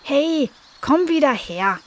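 An eager young female dog in a children's storybook, raised and bright in pitch, bossy when her guests misbehave, as a woman reads her. She talks in warm, firm bursts. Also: expressive, normal speed. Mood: scolding. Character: friendly young female dog, garden owner.

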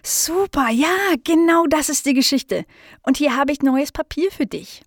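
A woman's voice: medium pitch, lively intonation, normal speed, no room sound, clean studio sound, close to an everyday voice. A woman voicing a cheerful young female dog in a children's storybook, with an eager, childlike manner.

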